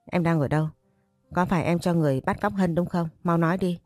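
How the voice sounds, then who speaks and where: A woman voicing an anxious young husband demanding answers on the phone, in a low voice. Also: fairly even intonation, fast, darkish tone, no echo, faint music behind, natural voice. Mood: urgent. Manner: urgent, demanding.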